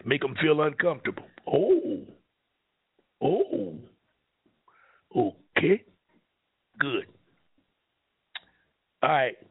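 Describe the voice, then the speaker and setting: A man hosting a call-in radio talk show, fiery and preachy, swinging between shouting and low asides. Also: slow, pauses often. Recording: tinny phone-line radio sound.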